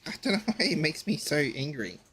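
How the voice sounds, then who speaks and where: Man, game streamer, casual rambling rant, swears a lot, bright lively voice, fairly high pitch. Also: brisk, husky. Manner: rambling, ranting, swears freely. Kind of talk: casual chat while gaming.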